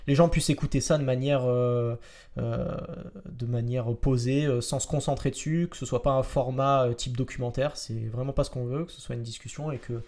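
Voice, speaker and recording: A man in his twenties from Marseille with a Marseille accent, hosting a casual podcast chat, halting and full of fillers and restarts. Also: medium pitch, fairly even intonation, a little mellow. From France. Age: 20s. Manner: halting, many fillers and restarts, laughs easily. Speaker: podcast host. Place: room in Marseille.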